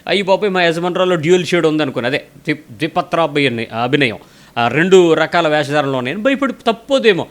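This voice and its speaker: Guy preaching fast, kinda high voice, keeps firing questions right at you. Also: expressive. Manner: pressing, questioning, speaks straight at the listener; tells a story and quotes the people in it. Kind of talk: sermon.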